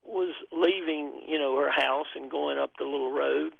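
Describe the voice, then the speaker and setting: A man from North Carolina with a Southern Appalachian twang and a gravelly, husky voice, calling in and casually telling stories over a phone line. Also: a little high, steady tone, normal speed, no echo. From North Carolina, United States. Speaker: phone-in caller. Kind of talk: casual storytelling.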